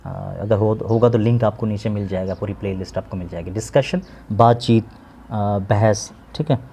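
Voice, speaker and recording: Mellow-voiced man teaching English. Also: lowish voice, creaky, slight background noise. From Pakistan. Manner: slow, explanatory, repeats words and gives synonyms. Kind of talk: English lesson, translating word by word.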